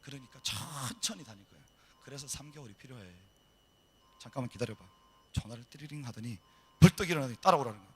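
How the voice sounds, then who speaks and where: A middle-aged male missionary telling a story in a sermon, acting out the dialogue in a lively way. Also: medium pitch, quick pace, husky. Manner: animated storytelling, acts out dialogue. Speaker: missionary preacher. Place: church hall.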